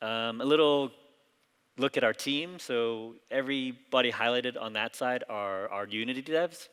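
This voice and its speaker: A man in his forties who grew up in Hong Kong, a company founder giving a relaxed conference presentation full of fillers and restarts. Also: mid-range voice, a little slow, clear, resonant tone. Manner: relaxed, loose delivery with frequent fillers and restarts. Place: large conference hall. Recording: reverberant hall.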